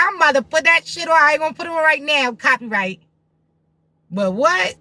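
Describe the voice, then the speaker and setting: A woman's voice: a little high, bright, forceful tone, no echo. A woman spiritual reader giving a blunt, profane, preachy pep talk to viewers on a livestream.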